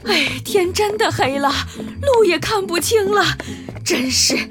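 A woman's voice: very high-pitched, animated, unhurried, over music. A woman doing scatterbrained young mother Pangsao. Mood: fretful. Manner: exclaiming, fretful, lots of sighs. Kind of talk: children's storybook acting.

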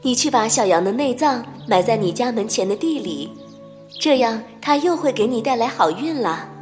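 A woman voicing a kindly old witch in a children's audio story, slow and soothing. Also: sits high, big pitch swings, soft background music. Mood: comforting.

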